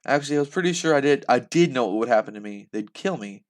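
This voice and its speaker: Animated young man reading a novel aloud. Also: mid-range voice, fast talker. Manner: animated, laughs and breaks off mid-sentence. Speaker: reader reacting live.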